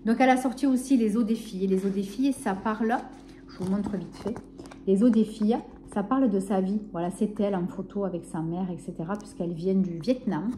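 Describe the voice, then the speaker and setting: A woman's voice: mid-range voice, fairly quick, a little hiss or hum. A woman from Narbonne with a southern French accent, chatting casually and rambling a little in a book vlog. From Narbonne, southern France. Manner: chatty, rambling, warm enthusiasm. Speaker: book vlogger.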